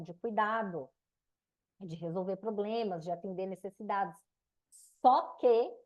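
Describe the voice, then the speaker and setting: A woman's voice: medium pitch, a little mellow. A Brazilian woman teaching a relationship mentoring class, didactic and conversational, asking questions and answering them herself. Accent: Brazilian Portuguese. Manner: didactic, asks and answers her own questions.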